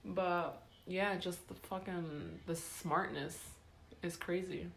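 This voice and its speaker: A woman co-hosting a podcast in laid-back casual chat, often trailing off quietly. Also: on the low side, fairly even intonation, takes it slowly. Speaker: podcast co-host. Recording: echoey room with faint noise.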